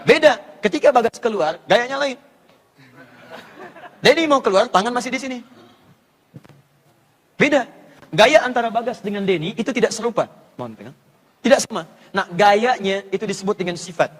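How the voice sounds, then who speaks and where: A man's voice: high-pitched, lively intonation, moderate pace, long pauses. A man preaching at a live question session, teaching pronunciation with playful repeated drills. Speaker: Islamic preacher answering audience questions. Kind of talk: live Q&A lecture with audience demonstration. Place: large lecture hall with audience. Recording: long hall reverb.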